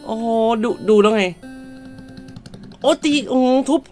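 A woman commentating a shop game, loud and exclamatory, swearing playfully at the game characters and now and then switching to a polite clerk voice. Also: a little high, steady tone, takes it slowly, soft background music. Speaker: gamer. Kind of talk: let's-play commentary.

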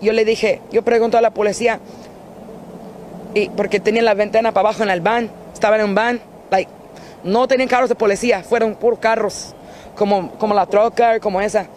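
A woman from the United States giving an eyewitness account in an interview, halting and repeating herself as she quotes others. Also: medium pitch, fairly even intonation, darkish tone, a little hiss or hum. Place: outdoors in an apartment parking lot.

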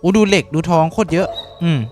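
A young man giving casual, rough-spoken commentary while playing a game, swearing a lot and yelping when startled. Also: fairly high pitch, steady tone, quick pace, music in the background. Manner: swears freely, shouts in sudden panic. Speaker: gaming streamer. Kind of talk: casual Minecraft let's-play commentary.

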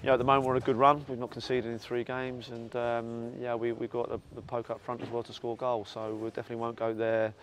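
A man, a football manager giving a post-match interview, talking quickly with lots of repeats and fillers. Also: medium pitch, monotone, fairly bright tone. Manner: fast, repetitive, filler-heavy talk. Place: outdoor stadium stands at night. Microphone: lapel mic. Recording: noisy outdoor windy stadium.

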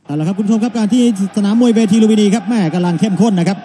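A man's voice: high-pitched, very fast. A man giving live Muay Thai commentary as a broadcast commentator. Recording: loud crowd and music behind. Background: boxing stadium crowd, music.

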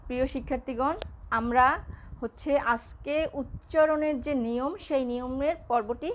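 High-voiced woman teaching pronunciation. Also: steady tone. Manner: slow, patient, spells out letters one by one. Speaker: Bengali lecturer. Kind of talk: classroom lecture.

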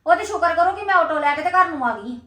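A woman's voice: extremely high pitch, expressive, fast, pushed and bright, echoey room. A woman with a Punjabi accent, acting an angry, reproachful younger sister-in-law in a scripted family drama.

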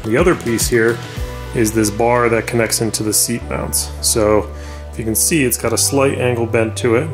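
A man in his thirties walks through a do-it-yourself project in a relaxed, practical way, correcting himself as he goes. His voice sits on the low side. Music plays clearly behind him. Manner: casual and practical, with filler "uh" and self-corrections. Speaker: DIY builder. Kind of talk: casual how-to narration. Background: background music.

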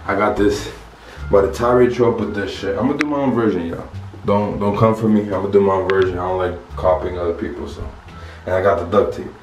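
A man's voice: sits low, fast, far from the mic. A young man chatting casually and slangily to a camera held at arm's length at home. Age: young adult. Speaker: prank vlogger. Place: small indoor room at home. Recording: echoey room, faint music behind.

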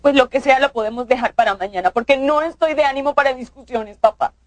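An actress playing an irritable, defiant young adult daughter in a telenovela, curt and argumentative. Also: female voice, high voice, fast, close to an everyday voice. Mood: irritated, defiant. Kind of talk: telenovela acting. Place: furnished bedroom set, indoors.

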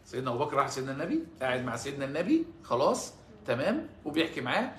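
Egyptian preacher, male, rapid-fire storytelling sermon with emotional peaks, echoey room, faint ambience. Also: medium pitch, a little hiss or hum. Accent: Egyptian Arabic. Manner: animated, rising to emotional peaks when quoting.

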